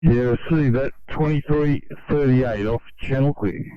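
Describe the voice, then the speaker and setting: A fire dispatcher answers crews over a walkie talkie, reading their messages back in a brisk, routine way. His voice is clear and dry. The radio sound is somewhat muffled and narrow. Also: mid-range voice, no echo. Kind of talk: emergency radio traffic.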